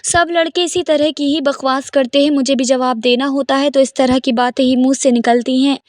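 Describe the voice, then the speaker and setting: A woman's voice: high voice, fairly even intonation, no room sound, clean studio sound, natural voice. A woman voicing a playful young man who jokes and teases his aunt. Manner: playful, cheeky.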